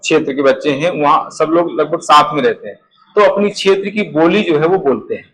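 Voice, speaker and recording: Explaining coach, fairly high voice. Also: male voice, brisk, a bit bright, a little hiss or hum, low-quality recording. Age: middle-aged. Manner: explanatory, repeats "है ना?" for agreement. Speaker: interview coach. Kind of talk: classroom lecture.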